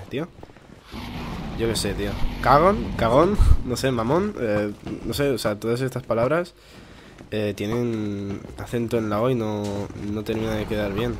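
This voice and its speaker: Chatty Spanish gamer with a mid-pitched voice. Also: male voice, a little hiss or hum. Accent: Spain Spanish. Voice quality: rambling, chatty, swears freely. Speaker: gaming YouTuber. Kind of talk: casual gameplay commentary.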